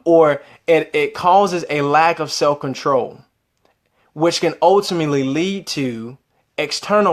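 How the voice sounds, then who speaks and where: A man with a slightly high voice speaks as a motivational coach. He explains things conversationally, leans on repeated phrases for emphasis and often puts rhetorical questions straight to the listener. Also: fairly bright tone.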